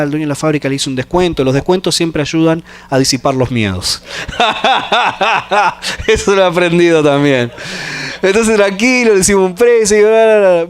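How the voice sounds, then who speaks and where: A man preaching with a steady hum behind. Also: high voice, smooth. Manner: storytelling, acts out phone calls in quoted voices. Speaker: pastor. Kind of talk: sermon with personal story. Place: church.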